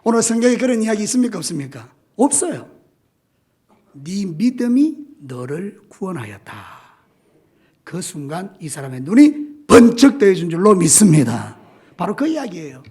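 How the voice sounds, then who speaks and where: A husky male pastor delivering a lively sermon in a church. He has a fairly high voice that leaps up and down as he tells the story, sometimes acting out the people in it. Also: a little fast. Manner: animated storytelling, acting out voices and shouting lines. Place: church sanctuary.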